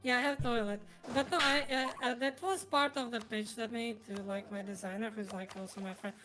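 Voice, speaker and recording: A woman's voice: on the high side, steady tone, fairly quick. A woman streamer chatting casually over a game, her voice run through a voice changer that makes it slightly robotic. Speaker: streamer, host. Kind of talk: casual gaming stream chat. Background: music.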